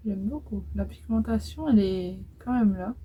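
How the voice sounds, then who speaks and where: A woman's voice: mid-range voice, normal speed, slightly rough, highs cut off. A woman in her twenties talking through a makeup tutorial in a casual, hesitant way, with many fillers as she applies eyeshadow. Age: 20s. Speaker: beauty vlogger.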